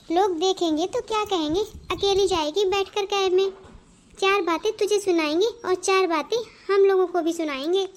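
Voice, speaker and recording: A woman voicing a proud, stubborn older mother-in-law in a cartoon, nagging and lecturing in a very high voice. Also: darkish tone, a little hiss or hum. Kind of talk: Hindi cartoon voice acting.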